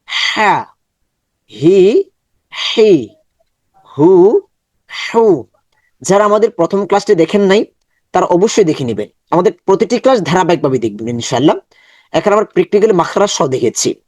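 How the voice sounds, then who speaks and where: A man with a Bangladeshi Bengali accent teaching Quran letter pronunciation, slowly repeating each sound as an online lesson. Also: high voice, darkish tone, no room sound. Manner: slow, drawn-out repetition of letter sounds. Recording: dull, dry lo-fi recording.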